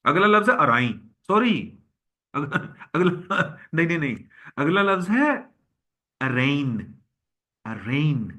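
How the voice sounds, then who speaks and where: A man's voice: high-pitched, very animated, a little slow, pushed and bright. A man giving a recorded vocabulary lecture, repeating each word as a drill and speaking to his students as boys and girls. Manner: drills words by repeating them. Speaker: vocabulary teacher.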